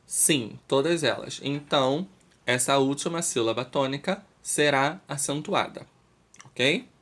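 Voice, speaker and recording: Brazilian man, language teacher, unhurried lesson delivery, mid-pitched, keeps checking in with students. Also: fairly bright tone. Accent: Brazilian Portuguese. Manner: slow and deliberate, checks understanding with "ok?". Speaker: Spanish teacher. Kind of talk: recorded school lesson.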